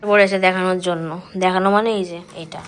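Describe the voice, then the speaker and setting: A woman's voice: on the low side, fairly even intonation, fast, slight background noise. A woman chatting casually to viewers in a home vlog. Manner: chatty, talks to viewers directly. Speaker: vlogger.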